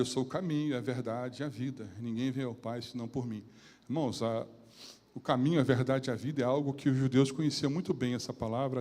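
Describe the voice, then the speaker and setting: A man preaching a sermon, retelling Bible scenes in a casual modern way and swinging from quiet talk to loud peaks. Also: medium pitch. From Brazil. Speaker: pastor. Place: church sanctuary. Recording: long reverb of a church hall.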